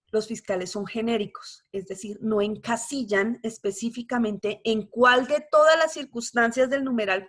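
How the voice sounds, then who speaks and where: Woman lecturing a law class. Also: a little high. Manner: explanatory, often checks understanding with "¿listo?".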